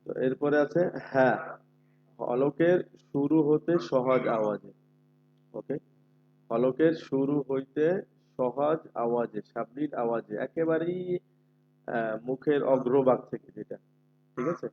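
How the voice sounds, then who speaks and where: A man's voice: medium pitch, measured pace, long pauses. A man leads an online recitation class, patiently drawing out each letter sound and repeating it for the students. His voice comes through slightly muffled, with a faint hum underneath. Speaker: Quran recitation teacher.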